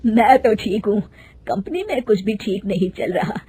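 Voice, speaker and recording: Woman voicing a husky old clerk man. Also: medium pitch, animated, dry recording. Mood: worried. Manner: calling out loudly, slow. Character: kindly old male company clerk.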